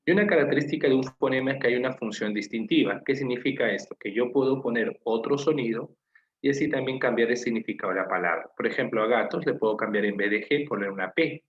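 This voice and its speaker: A man's voice: medium pitch, fast talker. Man, Peruvian Spanish accent, teacher, online lecture, questions the students, echoey muffled computer-mic sound. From Peru. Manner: asks students questions, patient and explanatory.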